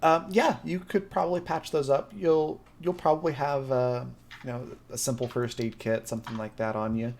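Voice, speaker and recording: A man's voice: medium pitch, steady tone, normal speed, few pauses, darkish tone, slight background noise. Laid-back man running a tabletop game. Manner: hesitant, lots of ums, laughs easily. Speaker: game master.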